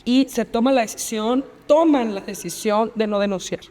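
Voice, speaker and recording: A podcast interview guest with a Mexican accent, this woman tells a personal story vividly, reenacting old dialogue and repeating phrases as she relives the scene. Her voice is on the high side and dark in tone, at a moderate pace, with a long reverb tail.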